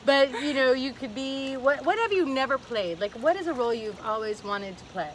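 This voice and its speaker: A woman's voice: sits high, expressive, moderate pace, slight background noise, low-quality recording. A woman hosting a casual chat show, enthusiastic and chatty, often restarting her sentences. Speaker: host and show creator. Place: hot tub.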